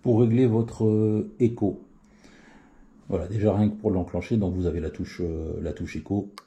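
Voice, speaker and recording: A man's voice: on the low side, fairly even intonation, normal speed, warm tone, highs cut off. A man giving a casual spoken tutorial on radio settings, hesitant, with many fillers and restarts. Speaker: CB radio hobbyist demonstrating settings.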